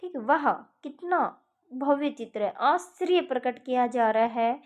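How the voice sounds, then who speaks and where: A woman's voice: high-pitched, expressive, measured pace, a little mellow. A woman teacher giving an exam-prep grammar lesson, explaining step by step and repeating each example before checking in with her students.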